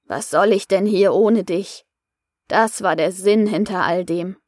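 A woman reading an audiobook gives the lines of a quiet, resigned man in her own voice. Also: mid-range voice, a little slow, no echo, clean studio sound, natural voice.

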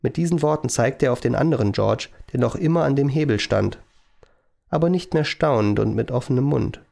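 A man narrates a story in a calm, even reading voice of middle pitch. His tone is gravelly, with plenty of creak. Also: a little fast. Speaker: audiobook narrator.

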